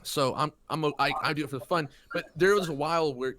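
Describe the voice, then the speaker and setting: A man's voice: fairly high pitch, fast talker, sharp tone, no echo. A man who is a guest on a casual podcast, talking in a rambling, self-deprecating way and giggling often. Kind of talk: casual chat.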